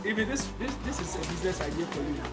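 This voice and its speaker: A man's voice: high voice, expressive, very fast. A young man from Ghana, chatting casually to viewers in a vlog while walking through a large indoor supermarket with a handheld phone camera. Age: young adult. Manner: chatty, addresses viewers directly, frequent restarts. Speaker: vlogger. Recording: loud music behind voice.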